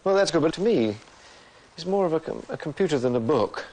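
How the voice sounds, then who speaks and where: A man's voice: a little high, expressive, fairly quick, darkish tone. A man trying out gadgets on camera, chatty and appreciative. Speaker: product tester. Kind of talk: casual on-camera chat. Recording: music under speech.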